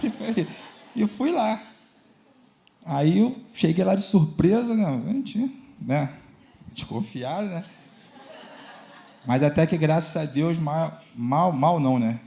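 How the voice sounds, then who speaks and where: A Brazilian man tells his testimony before a church congregation in an unpolished, storytelling way. His voice is gravelly with a dark, mellow tone, and he sits a bit higher than most men. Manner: plain storytelling with frequent "né?". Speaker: church member giving testimony. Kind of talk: personal testimony.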